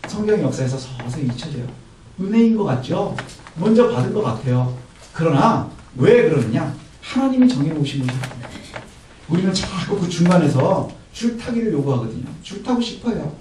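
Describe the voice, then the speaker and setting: Male pastor with a high, animated delivery, preaching from a distance in a very reverberant church. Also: fairly quick. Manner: animated, acts out quotes with a raised voice; poses rhetorical questions to the congregation. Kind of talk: Sunday morning sermon. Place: church sanctuary. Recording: echoey hall from far off, faint noise.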